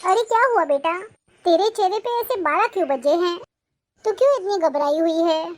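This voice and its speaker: A woman playing a wise, gently chiding mother. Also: extremely high pitch, expressive, normal speed. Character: middle-aged mother, calm and wise, gently scolding her daughter. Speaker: mother in a family drama. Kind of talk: acted Hindi family short film.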